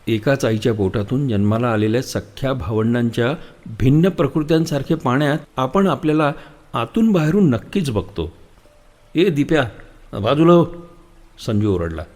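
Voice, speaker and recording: A man reading a literary story aloud in a measured, reflective storytelling manner. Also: medium pitch, darkish tone. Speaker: narrator, audiobook reader. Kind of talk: literary audiobook narration.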